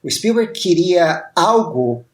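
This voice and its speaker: A man co-hosting a podcast, talking about film music in a slow, hesitant way with many drawn-out fillers. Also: high voice, expressive. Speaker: podcast co-host. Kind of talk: casual film music discussion.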